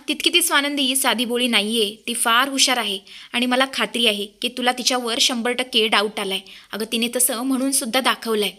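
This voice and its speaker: A woman's voice: a little high, bright, forceful tone. A woman voicing a manipulative middle-aged mother who coaxes her daughter in a conspiratorial tone, in a retold serial. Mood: coaxing. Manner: coaxing, conspiratorial.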